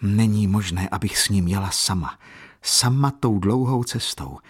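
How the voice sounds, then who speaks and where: A man voicing a gentle, tearful young woman who talks in a trembling, pleading way. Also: fairly low pitch, slightly rough. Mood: anxious.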